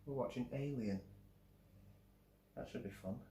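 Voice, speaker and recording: A man's voice: mid-range voice, measured pace, mellow, slight background noise. A man hosting a casual movie review chat, talking hesitantly with frequent restarts. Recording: roomy echo.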